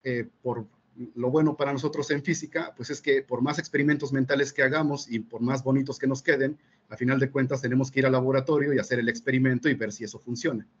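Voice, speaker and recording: A man, a physics teacher presenting at a seminar, measured and full of fillers and checking questions. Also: medium pitch, fairly even intonation, breathy edge, dull audio. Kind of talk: explanatory academic presentation.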